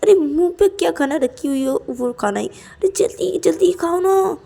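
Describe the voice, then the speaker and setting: A woman's voice: a little high, lively intonation, moderate pace, warm tone, pitched above the performer's own voice. A woman voicing a young woman who pleads with her lover to eat, repeating her words over and over. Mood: urging.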